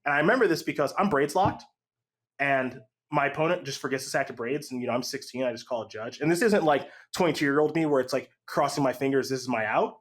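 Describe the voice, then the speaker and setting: A man casually telling a long gaming story on a podcast, lively and acting out the voices of the people in it. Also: medium pitch, quick pace. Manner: animated, acts out quotes with voice jumps.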